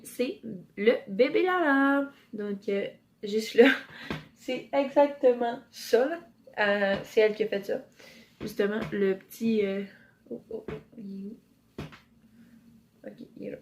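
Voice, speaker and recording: A woman's voice: fairly high pitch, darkish tone. A woman with a Quebec French accent chatting through a casual giveaway unboxing in her home office, rambling and upbeat. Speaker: YouTuber. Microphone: camera mic.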